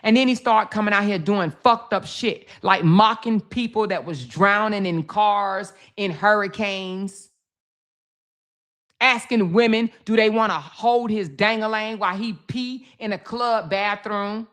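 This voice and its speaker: Hosting her own channel, a woman offers casual social media commentary that's blunt, profane and emphatic, repeating points for force. She speaks a little slowly in a mid-range, fairly bright voice.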